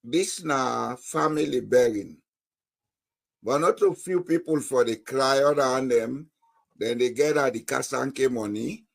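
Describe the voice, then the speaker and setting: A man with a Sierra Leonean accent and a gravelly, raspy voice gives his views as a panelist in an informal political discussion. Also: medium pitch, unhurried. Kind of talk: informal political talk in Krio mixed with English.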